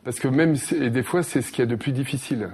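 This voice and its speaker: Medium-pitched man explaining hesitantly. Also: quick pace, darkish tone, husky. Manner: hesitant, searching for words. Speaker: guest, hairdresser. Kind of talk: conversational interview explanation.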